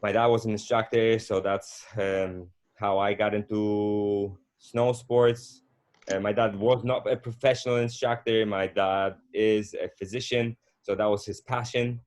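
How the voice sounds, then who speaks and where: Middle-aged man, lowish pitch, easygoing guest telling a long story. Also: flat delivery. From Poland. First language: Polish. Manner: unhurried, with frequent fillers and restarts. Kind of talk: casual conversational storytelling.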